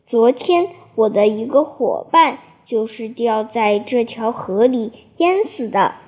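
A woman voicing an excitable little squirrel who shouts urgent warnings. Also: on the high side, takes it slowly. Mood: earnest.

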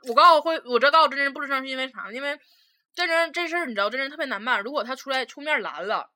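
Talking very fast in a high, sharp, animated voice, a young woman with a Northeastern Mandarin accent hosts a podcast. Her storytelling is relaxed but profane and blunt, punctuated by plenty of laughter.

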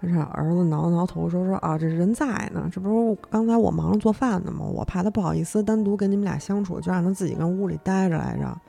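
A young woman narrating a horror story as podcast host, acting out each character's lines with sudden jumps in pitch. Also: quick pace, vocal fry, few pauses, faint music behind. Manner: animated telling, acts out the characters' lines with sharp pitch jumps.

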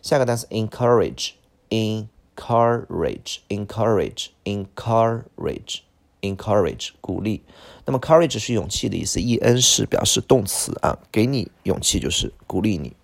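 A man's voice: on the low side, expressive, fairly quick, vocal fry, husky. A man with a Mandarin Chinese accent teaching English vocabulary for an exam, switching between Chinese and English and repeating each word several times. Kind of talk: IELTS vocabulary lesson.

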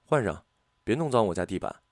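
A man's voice: lowish voice, a little fast, no room sound, studio quality. A man doing a curt, gloomy young man. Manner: curt, flat replies. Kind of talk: audiobook storytelling.

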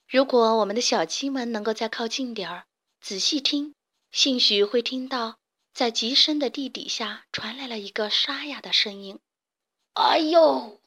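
Expressive woman storyteller. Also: on the high side. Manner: expressive, dramatic reading with hushed passages. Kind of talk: children's audiobook narration.

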